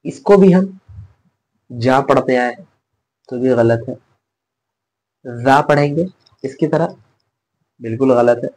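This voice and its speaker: Slow, husky-voiced male teacher. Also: mid-range voice, a little mellow. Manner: patient, repeats sounds and asks the learner to echo. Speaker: Quran recitation teacher. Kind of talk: classroom-style lesson.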